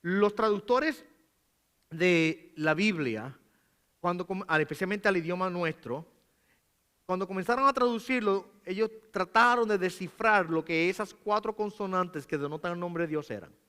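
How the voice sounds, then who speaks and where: A man's voice: sits high, moderate pace, pushed and bright, clear, resonant tone. A man preaching a sermon as pastor, explaining patiently with rhetorical questions and reading scripture aloud with emphasis. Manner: asks rhetorical questions, frequent "¿verdad?". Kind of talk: sermon teaching. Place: church.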